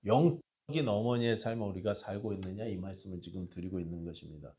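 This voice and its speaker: A man preaching a sermon in a church, swinging from hushed asides to loud, impassioned cries and reading scripture aloud with the congregation. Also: sits low, fast. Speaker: pastor. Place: church sanctuary.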